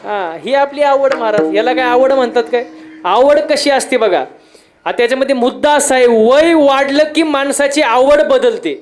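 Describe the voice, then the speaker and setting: A man's voice: extremely high pitch, normal speed. A man giving a humorous devotional kirtan sermon, telling stories with repeated refrains and quizzing the crowd for answers. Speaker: kirtan preacher.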